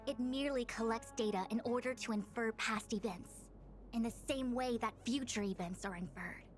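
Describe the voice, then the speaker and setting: In scripted video game dialogue, a woman voices a learned, exacting diviner who is long-winded and self-assured, lecturing formally and precisely through long explanations. Her voice sits a little high, close to an everyday voice, at normal speed, with faint music behind her.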